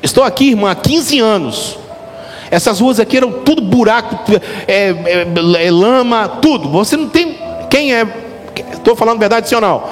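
A middle-aged man, a pastor, preaching a lively, joking sermon straight to his congregation. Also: high voice, moderate pace. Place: church hall. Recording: reverberant hall with faint music.

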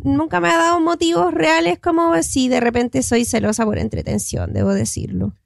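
A woman's voice: sits high, expressive, moderate pace, creaky, no echo, studio quality. A young woman with a Chilean accent, co-hosting a podcast in casual, slangy, teasing talk. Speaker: podcast co-host. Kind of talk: casual chat.

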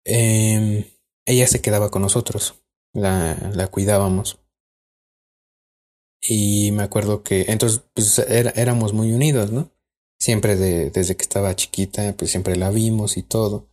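A podcast co-host with a Mexican accent tells a spooky personal story in a casual, rambling way, full of fillers and restarts. His voice is fairly low and warm, with fairly even intonation and an unhurried pace.

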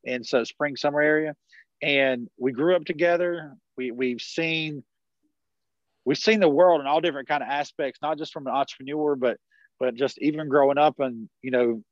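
Here a South Carolina man in his forties, rural accent and all, guests on a podcast by video call and rambles through a casual interview about network marketing, restarting often and leaning on fillers. His pitch sits fairly high and his speed is normal. No room sound comes through, though the audio is dull.

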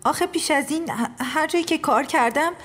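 Timid young governess, high and shaky in an audio drama with long reverb. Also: female voice. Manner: soft, hesitant, trembling.

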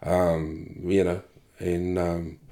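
A man's voice: low voice, monotone, extremely slow, warm tone. A middle-aged man with a New Zealand accent, talking candidly and bluntly as an interview guest, swearing freely. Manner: blunt, sweary, punctuated with "you know" and "man". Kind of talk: casual, candid conversation.

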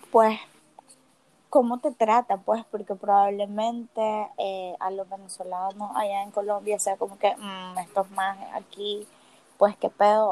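A woman co-hosting a podcast, excitable and teasing, cutting in bossily. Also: medium pitch, rough recording. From Nicaragua. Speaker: podcast co-host. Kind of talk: casual chat.

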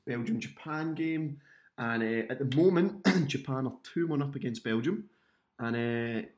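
A man's voice: mid-range voice, normal speed, a little mellow. Man hosting, muffled laptop-mic podcast. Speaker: podcast host. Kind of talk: casual podcast chat. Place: indoors at a friend's home. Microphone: laptop microphone. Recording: makeshift laptop microphone, muffled underwater sound.

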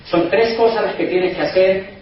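A man with a high voice delivers a persuasive, insistent speech, hammering points home and turning to the audience again and again. He sounds far from the microphone in a very echoey hall. The sound is dull and carries a faint background hiss. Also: normal speed. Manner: emphatic, repetitive, keeps addressing the crowd as "señores". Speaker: motivational business speaker. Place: event hall in Madrid.

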